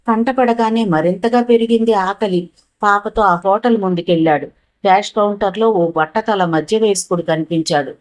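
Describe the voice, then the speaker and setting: A woman narrating a novel in a steady, expressive storytelling manner. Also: mid-range voice, rough recording.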